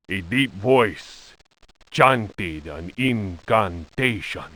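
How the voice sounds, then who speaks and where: A Spanish lieutenant solemnly recounting horrors for a video game. The delivery is slow and theatrical, badly overacted, with sweeping rises and falls in pitch. The recording is close and dry. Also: male voice, fairly bright tone, no echo. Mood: hushed awe. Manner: hammy, overwrought bad acting. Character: Spanish lieutenant recounting a horrifying expedition, pompous and melodramatic. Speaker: narrator reading old books in a video game. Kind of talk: theatrical scripted narration of a horror journal.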